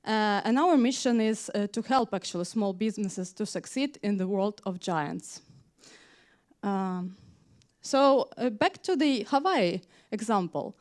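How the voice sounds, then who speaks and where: A woman from Ukraine, a tech manager, delivers a conference talk in a conference hall, hesitating often, saying "uh" frequently, and using non-native grammar. Her mid-range voice is darkish in tone, animated yet unhurried.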